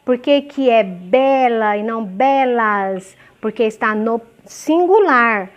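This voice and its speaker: A woman's voice: fairly high pitch, animated, lo-fi sound. A woman teaching a grammar lesson to young children, sounding out example words syllable by syllable and often checking "ok?" and "certo?". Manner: slow, clearly syllabified examples with frequent checking questions. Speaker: primary school teacher.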